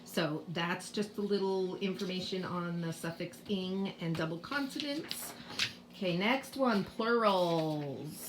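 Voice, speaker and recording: A woman's voice: lowish voice, background noise. A woman explaining spelling rules to parents in a casual home lesson, patient and full of fillers. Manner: slow, patient, with many fillers. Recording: roomy echo, faint ambience.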